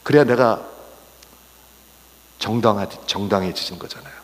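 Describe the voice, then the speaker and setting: A male pastor preaching a sermon, swinging from raised exclamations to hushed, whispered asides and mixing English words into his Korean. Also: fairly low pitch, normal speed, in a large hall.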